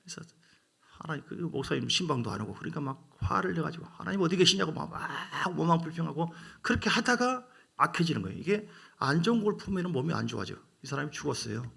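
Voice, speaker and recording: A male pastor preaching a sermon, swinging from loud emphatic rises to quiet, hushed asides. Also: on the high side, big pitch swings, quick pace, gravelly, husky.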